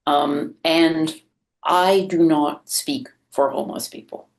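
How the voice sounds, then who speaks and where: A woman's voice: sits low, fairly even intonation, takes it slowly, vocal fry. A woman who is a priest, telling stories candidly and wryly with frequent laughter, speaking over a video call. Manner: candid, self-deprecating storytelling with laughter. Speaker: Anglican priest. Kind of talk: webinar conversation.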